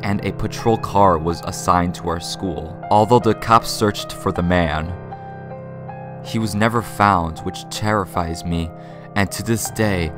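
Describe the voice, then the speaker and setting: A man narrating creepy first-person stories from a script in a measured, dramatic storytelling way. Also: deep voice. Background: music bed.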